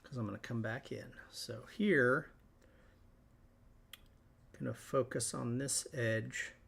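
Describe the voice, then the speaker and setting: Gravelly man narrating his painting. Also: medium pitch, takes it slowly. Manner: relaxed, thinking aloud while working. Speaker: host. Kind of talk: live painting tutorial.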